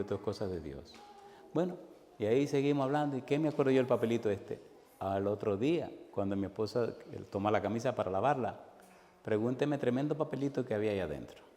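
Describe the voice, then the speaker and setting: A man pastor preaching a sermon, animatedly acting out the voices in his stories. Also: lowish voice. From Caribbean Spanish-speaking country. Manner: animated storyteller acting out dialogue. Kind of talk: sermon with storytelling. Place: church hall. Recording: long hall reverb, faint noise.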